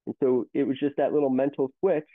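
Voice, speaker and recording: A man's voice: medium pitch, steady tone, fairly quick, no echo. Man on a tinny call line. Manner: rambling, storytelling with many restarts. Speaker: company CEO, guest. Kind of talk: casual interview talk. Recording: tinny phone-like line, dry.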